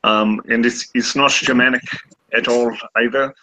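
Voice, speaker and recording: A man's voice: mid-range voice, steady tone, moderate pace, sharp tone, poor audio. A man voicing a polite, modest male linguist in an improvised tabletop role-play, with an attempted French accent, hesitant and full of fillers. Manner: hesitant, many fillers, slips into other accents.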